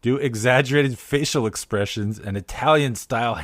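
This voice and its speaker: A man co-hosting a language-learning podcast who explains ideas clearly, like a teacher, with dry humor. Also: medium pitch, moderate pace, no room sound. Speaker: podcast co-host. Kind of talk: casual chat.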